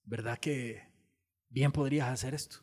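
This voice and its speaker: A man's voice: mid-range voice, fairly even intonation, measured pace, a little mellow, voice pushed down, natural voice. A male preacher voicing the devil as a sly, scheming tempter who taunts and wheedles. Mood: wheedling.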